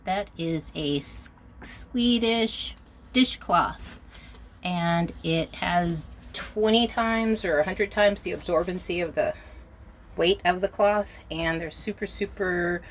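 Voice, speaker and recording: Slow-talking, low-voiced woman inside a small trailer. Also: slight background noise. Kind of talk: casual explanation to camera.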